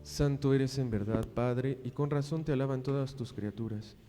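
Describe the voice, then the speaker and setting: A man, a priest celebrating mass, leading liturgical prayer in a measured, solemn intoning manner, his voice carrying a long cathedral-style echo. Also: medium pitch, over music. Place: large church. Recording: echoey church with long reverb.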